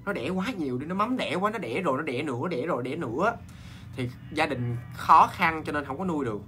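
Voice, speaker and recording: A man with a Southern Vietnamese accent, hosting a ghost story show in a chatty, animated way and talking straight to his viewers. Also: a little high, faint music behind. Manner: animated, talks straight to viewers, quick asides and laughs.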